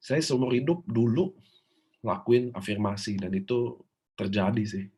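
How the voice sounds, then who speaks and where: A man giving a preachy, animated motivational training talk to his team. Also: mid-range voice, moderate pace, husky. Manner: preachy, animated, shouts example affirmations. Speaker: business trainer.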